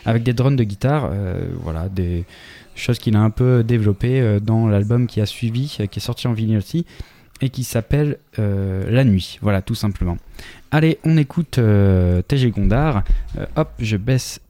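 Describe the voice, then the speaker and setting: A man's voice: fairly low pitch, moderate pace, warm tone, no echo. A man hosting a music radio show, talking casually with many hesitations and self-corrections.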